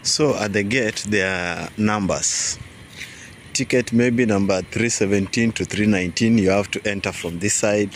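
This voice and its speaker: A man's voice: on the low side, measured pace. A man filming a casual walking vlog outdoors on a phone, chatty and teasing, mixing English and Swahili. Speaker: vlogger filming a walk. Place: outdoors by a stadium at dusk. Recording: outdoor street noise.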